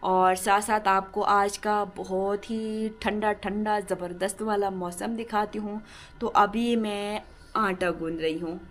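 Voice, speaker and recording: A female village vlogger from Gilgit-Baltistan, Pakistan, narrates a casual vlog in her home village, partly outdoors on a rooftop and in the garden. Her mid-range voice is hoarse from a sore throat. She speaks softly and keeps filling her talk with a polite "ji."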